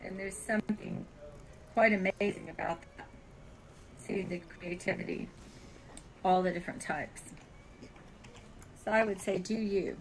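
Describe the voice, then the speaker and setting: Over poor audio with a bit of hiss or hum, a woman from California speaks unhurriedly in a mid-range voice, pausing often. With her American accent, she gives a relaxed, chuckling tour of a virtual world she made.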